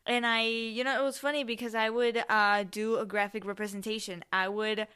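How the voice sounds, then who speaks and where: A young adult woman from Spain, with family in Mexico, hosts a podcast and tells stories on her own in a rambling, informal way, often correcting herself. Her voice is fairly high, sharp, clear and resonant. Her delivery is flat and her pace moderate.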